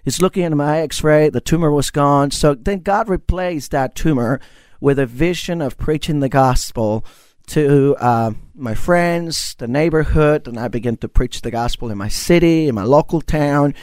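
A man's voice: fairly high pitch, moderate pace, a little mellow, smooth, no echo. Male guest pastor from Costa Rica, earnest storyteller, dry studio sound. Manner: earnest, storytelling, many fillers. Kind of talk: radio interview testimony.

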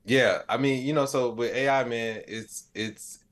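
Speaking unhurriedly at a medium pitch with an even tone, this male interview guest tells loose, meandering stories full of "like" and "you know." He works as a comedian and AI storyteller, and the talk stays conversational throughout.

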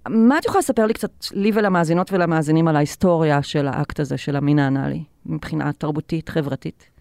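A woman hosting a podcast interview, chatting in a relaxed way and asking questions in a studio. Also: low-pitched, gravelly, no room sound. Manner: chatty, asks questions and adds comments. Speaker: podcast host.

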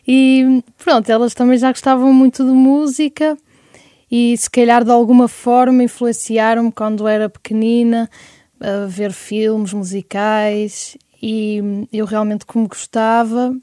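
A young woman with a European Portuguese accent talks in an easygoing, chatty way as a guest in an interview. Her voice sits a little high but sounds mellow and warm. The sound is close and dry, with no room echo. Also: flat delivery, measured pace. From Porto, Portugal. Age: 20s. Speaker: guest singer-songwriter. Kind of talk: casual interview chat.

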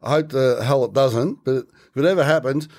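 A man's voice: mid-range voice, fairly quick, gravelly, a little mellow. An Australian man co-hosting a fishing podcast, chatting casually and telling jokes and stories. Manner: joking, storytelling, teasing. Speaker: podcast co-host. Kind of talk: casual chat.

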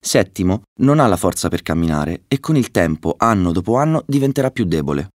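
A man voicing a calm wise owl doctor. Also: sits low, brisk, dry recording, studio quality. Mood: calm, explaining. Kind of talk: children's story reading.

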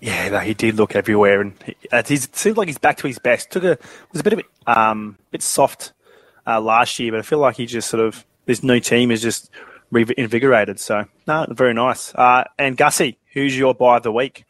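A man hosts a relaxed sports podcast, chatty and easygoing, laughing often and filling pauses with ums. His pitch sits in an ordinary middle range. The sound is dry and close. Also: no echo. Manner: laid-back, laughs often, many fillers. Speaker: podcast host. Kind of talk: casual sports podcast chat.

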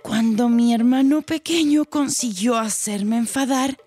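A woman voicing a young male dinosaur who throws tantrums, talking in a shrill, whiny way and often shouting. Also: unhurried, dry recording, faint music behind. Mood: remorseful.

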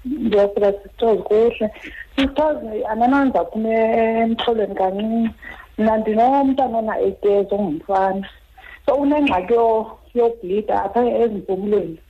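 Husky South African woman caller. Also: on the high side, moderate pace. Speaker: phone-in caller. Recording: dull lo-fi phone line.

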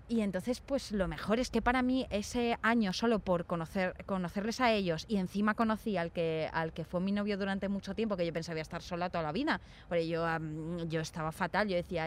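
A young woman from Spain chatting casually and telling stories, acting out the voices of people she quotes. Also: mid-range voice. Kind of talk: casual chat.

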